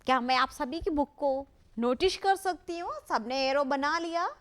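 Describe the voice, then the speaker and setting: A woman teaching a lesson to young children, asking questions and having the class repeat words after her in drawn-out call and response. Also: high-pitched.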